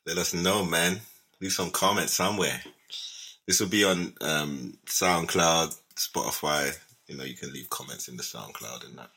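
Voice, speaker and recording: A man's voice: extremely low pitch, normal speed, bright, forceful tone, slightly rough, poor audio. A young man with a London roadman accent hosting a podcast, chatting casually in heavy street slang. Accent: London roadman, multicultural street English. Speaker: podcast host.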